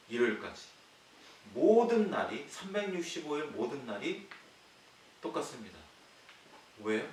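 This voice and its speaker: Animated preaching man in an echoey church. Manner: preaching with rhetorical questions to the congregation; swings between loud emphatic lines and quiet low ones. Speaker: pastor. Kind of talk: sermon. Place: church sanctuary. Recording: echoey hall, distant mic, faint hiss.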